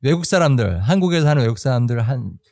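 Host: man, soft dark tone, lively melodic delivery, emphatic repetition. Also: medium pitch, fast talker, no echo, studio quality. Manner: emphatic, repeats phrases for effect. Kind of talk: lively podcast hosting.

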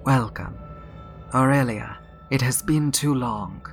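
A man voicing a calm, inscrutable sphinx judge. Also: mid-range voice, slow pace, soft background music. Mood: composed.

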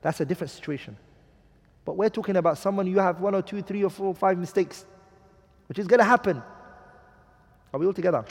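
A man's voice: sits high, brisk, pauses often, husky, in a large hall. A man teaching a class on marriage, emphatic, asking the students rhetorical questions and quoting Arabic texts. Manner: quotes Arabic hadith and poetry. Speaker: Islamic teacher.

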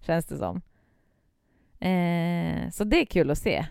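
A woman's voice: on the low side, expressive, vocal fry, darkish tone, smooth, no echo, studio quality. A woman chatting casually about her baby and her week, rambling with many fillers. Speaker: parent. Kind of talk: casual chat.

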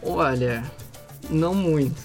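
A man's voice: fairly high pitch, slow pace, loud music behind the voice. Young man telling stories. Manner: storytelling, chatty. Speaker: exchange student guest. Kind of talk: casual podcast chat.

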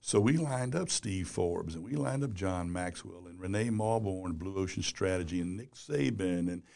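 A man's voice: sits low, normal speed, creaky, a little mellow. A man in his sixties, a business publisher and columnist, talking in a casual interview, rambling and peppering his sentences with "you know".

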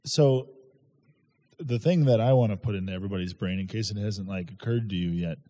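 A man's voice: lowish voice, brisk, mellow. A man co-hosting a casual podcast, teasing the others and sharing news. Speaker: podcast co-host. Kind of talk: casual chat.

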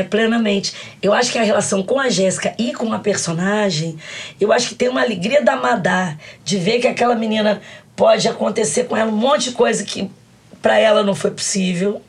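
Tearful expressive woman in her sixties. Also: mid-range voice, creaky. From Brazil. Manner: expressive, storytelling, laughs while talking. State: tearful, crying while speaking. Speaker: actress and guest. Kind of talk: emotional interview talk.

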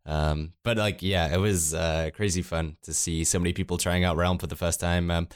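A man's voice: low-pitched, fairly even intonation, normal speed, clean tone, no room sound, studio quality. A man co-hosting a casual podcast, sounding sick and talking in a rambling way with many fillers. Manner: rambling, filler-heavy talk. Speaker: podcast co-host.

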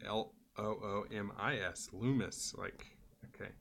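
Young man, mid-twenties, podcast co-host, blunt offhand talk with some swearing, slightly low voice. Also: measured pace, vocal fry, a bit bright, slight background noise. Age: 20s. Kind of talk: casual chat.

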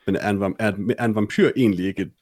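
Deep-voiced man in casual chat. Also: darkish tone. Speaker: podcast co-host. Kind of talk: casual film podcast chat.

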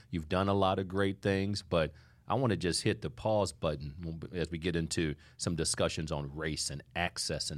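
Low-voiced male podcast host, emphatic. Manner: warm, emphatic, calls guest "sister". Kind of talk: studio interview. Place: studio.

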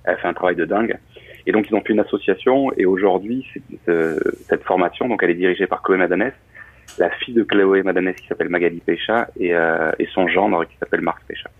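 A man, a coach and former pilot, explaining his training in a relaxed, casual interview with many restarts. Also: sits low, quick pace. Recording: husky voice over a narrow phone-like line.

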